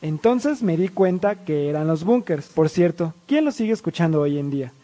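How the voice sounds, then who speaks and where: A young man narrating an animated storytime in a lively, self-mocking way, acting out other people's lines. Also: fairly high pitch, moderate pace.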